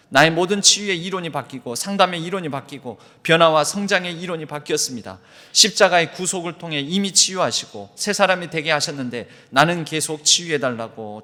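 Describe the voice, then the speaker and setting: A male pastor preaches in a church sanctuary, his voice bright and forceful. He reads book passages aloud with feeling and a slightly raised pitch. The long reverb of the hall carries behind him. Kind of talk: sermon.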